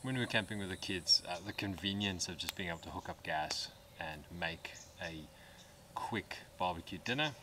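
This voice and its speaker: Low-voiced and speaking at a normal speed, this Australian man in his thirties narrates a casual camping vlog from a bush campsite. His delivery is easygoing and laid-back, full of fillers. Crickets and other insects chirp around him in the outdoor recording.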